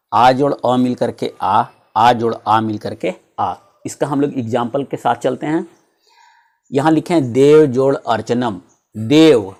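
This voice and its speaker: A man's voice: mid-range voice, darkish tone. A male teacher, explaining a grammar lesson step by step and asking his students rhetorical questions.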